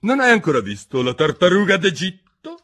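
A man voicing a furious, bossy queen who shrieks and yells at everyone in a storybook reading. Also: high-pitched, sing-song, moderate pace, pitched above the performer's own voice, exaggerated voice. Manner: shrieking, stamping rage. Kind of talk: audiobook character voice.

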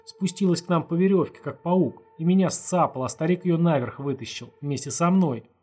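A hysterical young man wailing and sobbing in a high, strained voice, as a male narrator puts him on. He is terrified and half-crying in this audiobook, with soft music faintly behind. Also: fairly quick, close to an everyday voice. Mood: tearful.

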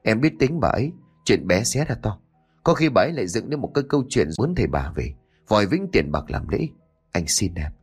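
A man's voice: fairly low pitch, very animated, fairly quick, slightly rough, soft background music, exaggerated voice. A man reading the part of a stern, protective older brother who talks bluntly and gives orders. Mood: hushed urging. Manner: blunt, commanding.

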